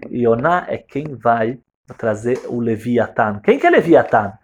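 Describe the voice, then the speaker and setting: Animated man teaching. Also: mid-range voice, measured pace, dull audio. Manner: animated, checks in with tag questions, swings loud and soft. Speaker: Torah teacher. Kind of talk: religious lesson storytelling.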